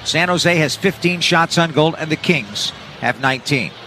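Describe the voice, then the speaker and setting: A North American man calling live ice hockey play-by-play for radio in an energetic, descriptive running style. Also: on the high side, normal speed, slight background noise. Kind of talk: live sports play-by-play commentary.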